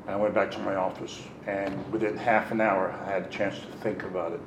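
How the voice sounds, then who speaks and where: A man's voice: sits low, a little fast, noisy background. Candid man telling his story in an echoey room. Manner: candid, animated, acts out quotes. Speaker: recovery meeting speaker. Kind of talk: personal storytelling.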